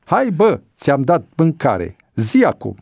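A man voicing a hot-tempered, bullying police sergeant who shouts threats in an audiobook story. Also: on the high side, huge pitch swings, gravelly, no echo, studio quality, pitched above the performer's own voice, full character voice. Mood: impatient, pushy.

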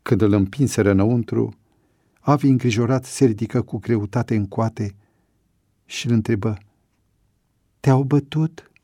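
A man narrating an audiobook story in a measured, even storytelling voice. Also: fairly low pitch, dry recording, clean studio sound.

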